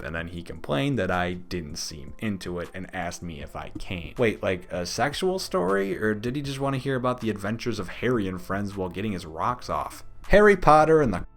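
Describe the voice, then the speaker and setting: A man's voice: low voice, a bit bright. A man reading out anonymous Reddit stories, adding joking asides and often breaking into laughter. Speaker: Reddit story narrator.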